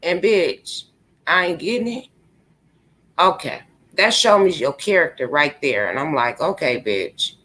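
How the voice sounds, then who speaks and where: A woman's voice: fairly low pitch, expressive, measured pace, pauses often, a bit bright. A woman talking casually on her live stream, swearing freely, laughing often and speaking straight to her viewers.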